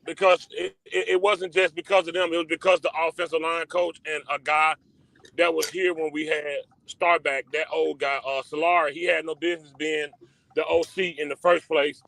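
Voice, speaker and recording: A man calls in to a sports chat and lays out his view in detail. His voice is gravelly and tense, with a slightly high pitch and a dry, close sound. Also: little pitch movement, moderate pace, fairly bright tone, no room sound. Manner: explains at length, detailed. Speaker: caller.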